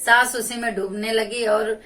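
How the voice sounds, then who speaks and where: A woman's voice: fairly high pitch, fairly even intonation, fairly bright tone. A woman narrating a devotional folk tale, repeating her phrases as she retells it, heard from a distance off the mic. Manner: slow, repetitive retelling. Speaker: devotional storyteller. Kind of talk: religious folk storytelling.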